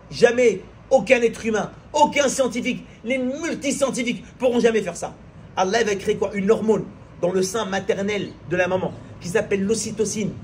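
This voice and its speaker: A man's voice: sits high, slight background noise. A man preaching a sermon. He builds on repetition and rhetorical questions and acts out little everyday scenes as he goes.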